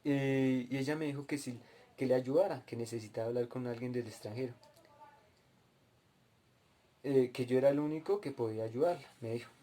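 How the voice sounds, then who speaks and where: A man gives a sermon-style testimony, recounting a dream and then moving into Bible teaching. His voice is mellow and dark at an ordinary pitch. He often speaks straight to his listeners. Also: fast. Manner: storytelling, addresses listeners directly. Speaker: preacher at a cell group.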